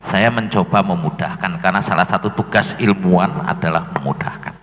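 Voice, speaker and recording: A man, an expert giving an explanatory talk at an Islamic forum, animated and fond of acting out the people he quotes. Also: sits low, fairly quick. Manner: animated, acts out quoted speakers in dialect. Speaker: DNA expert speaker. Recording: echoey hall with long reverb.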